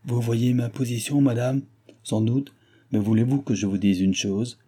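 A man's voice: mid-range voice, steady tone, normal speed, dark tone, breathy edge, natural voice. A man doing a stiff old noblewoman.

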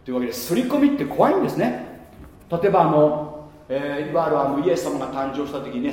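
A male pastor delivers a sermon with a fairly high, animated voice that leaps up and drops away. He keeps tossing rhetorical questions to the congregation between casual asides, and his words ring through a large, echoey hall with a long reverb tail.

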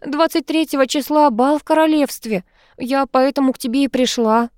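A woman's voice: high voice, normal speed, a little mellow, no echo, clean studio sound, voice pushed up, lightly acted. A woman voicing an emotional, tearful young woman who squeals and pleads. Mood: pleading.

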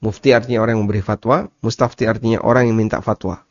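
A man's voice: fairly low pitch, level tone. Man teaching, lo-fi recording. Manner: explains slowly, repeats key terms, asks listeners rhetorical questions. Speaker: Islamic teacher. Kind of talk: religious study lecture. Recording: dull lo-fi lecture recording.

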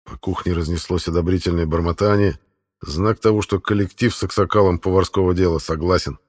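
A man reading an audiobook in a measured, even narration. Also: sits low. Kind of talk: scripted narration.

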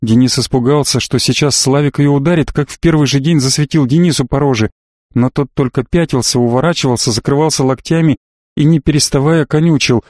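A man narrating an audiobook in an even, measured reading voice. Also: medium pitch, dry recording, clean studio sound. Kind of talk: scripted narration.

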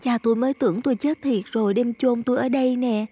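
A man voicing a gentle, playful young village girl in an audio ghost story, speaking softly and chattily. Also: extremely high pitch, steady tone, fast, breathy edge, voice pushed up. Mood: explaining.

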